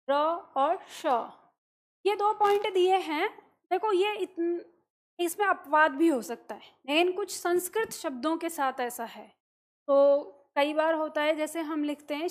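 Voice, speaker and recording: A woman teaching a grammar lesson, explaining patiently, asking the class questions and answering them herself, repeating sounds slowly to show them. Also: high voice.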